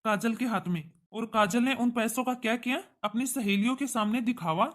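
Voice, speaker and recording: A woman voicing a young adult son in a cartoon, who speaks calmly and reasons patiently with his mother. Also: fairly high pitch, a little fast, natural voice. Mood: reasoning. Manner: reasoning, placating. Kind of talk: cartoon voice acting.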